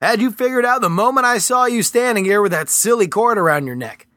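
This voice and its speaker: A man reading the part of a cold male federal agent who talks in a smooth, condescending, taunting way. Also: sits high, animated, fast talker, sharp tone, no room sound, clean studio sound, pitched above the performer's own voice.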